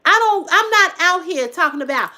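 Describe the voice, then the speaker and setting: Animated and speaking at a normal pace, this livestream host in her fifties addresses viewers emphatically, repeating lines for effect. Her swearing is free, and she lurches from loud exclamations to quiet asides.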